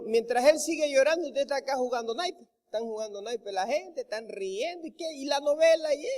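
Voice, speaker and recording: A man's voice: very high-pitched, long reverb tail. A male pastor preaching a sermon, emphatic, repeating his phrases and calling his listeners brother.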